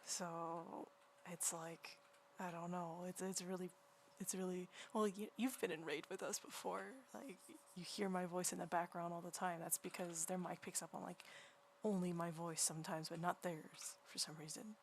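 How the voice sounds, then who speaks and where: A woman livestreaming while she draws, chatting casually in a quiet, soft, near-whispered voice and rambling through many restarts. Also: on the low side, steady tone, normal speed, slight background noise. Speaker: livestreaming artist. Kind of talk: casual chat while drawing. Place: home room beside a partner who is gaming.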